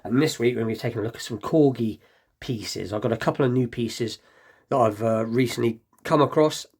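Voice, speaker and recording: A man's voice: mid-range voice, a little fast, darkish tone, husky. A man hosting a casual collector's show-and-tell, rambling and understated, lisping slightly as if he has just bitten his tongue. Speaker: host of a diecast toy collecting show.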